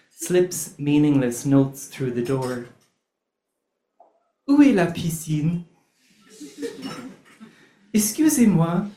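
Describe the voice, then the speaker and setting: A man with a slightly high, mellow voice performs spoken word poetry with a wry, theatrical delivery, then moves on to host an open mic. The recording carries a roomy venue sound.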